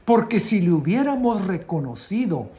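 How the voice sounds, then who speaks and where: A man's voice: high-pitched, very animated, moderate pace, dark tone. A male pastor teaching a sermon, asking rhetorical questions and repeating phrases for emphasis.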